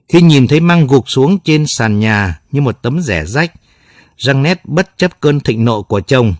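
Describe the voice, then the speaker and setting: A man narrating a dramatic story in a steady, measured way. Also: mid-range voice, no echo, clean studio sound.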